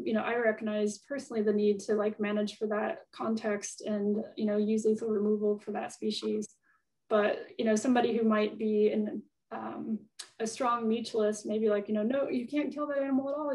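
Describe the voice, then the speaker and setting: A woman's voice: medium pitch, darkish tone. Distant-sounding woman answering questions. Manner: thoughtful, hedging, many fillers. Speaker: guest speaker answering audience questions. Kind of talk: conversational Q&A answers.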